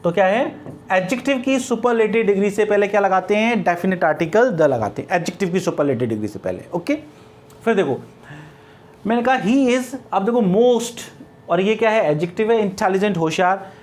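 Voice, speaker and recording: A man's voice: high-pitched, lively intonation, a little fast, a little mellow. A middle-aged man with an Indian accent teaching English grammar, explaining step by step and answering his own questions. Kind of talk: classroom grammar lecture.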